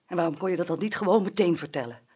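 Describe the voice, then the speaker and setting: An insistent, nagging wife. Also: female voice, on the low side, expressive, very fast, darkish tone, slightly rough. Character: insistent wife, anxious and demanding. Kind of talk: film drama dialogue.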